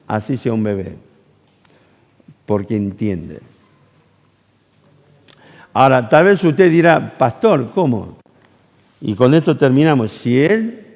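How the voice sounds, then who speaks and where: A pastor with a Rioplatense Argentine accent preaches a sermon in a medium-pitched voice with vocal fry. He tells a personal story with animation, acting out dialogue and asking the congregation questions. The recording carries the long reverb of a church camp hall.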